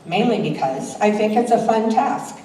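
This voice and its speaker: An older woman, an amateur poet, introduces and recites her own poems to a live audience at a church talent show. Her mellow, mid-range voice has lively intonation and a moderate pace. The hall is very echoey, the mic distant, with faint noise.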